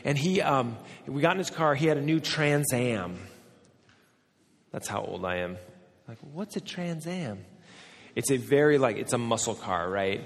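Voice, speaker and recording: A man in his forties, a pastor, preaching a sermon and telling personal stories in an animated, self-deprecating way. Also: medium pitch, normal speed, vocal fry. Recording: hall with long reverb.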